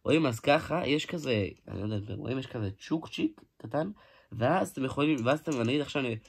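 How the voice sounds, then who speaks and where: A man giving a casual hands-on toy review, excitable, exclaiming often and restarting his sentences. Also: medium pitch, gravelly, breathy edge. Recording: noisy home recording with clicks.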